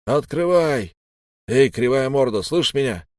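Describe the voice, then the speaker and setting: A man doing a brutish shouting officer. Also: mid-range voice, animated, unhurried, no echo. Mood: angry. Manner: shouting, abusive. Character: rough, hostile male ship officer.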